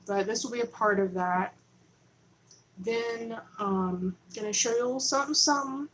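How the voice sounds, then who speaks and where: A woman with a fairly high, fairly bright voice talks at a moderate pace into a camera on a holder, hosting a rambling livestream from her Texas home. She's chatty and conspiratorial, breaking into her own sentences. The recording is low quality with slight background noise.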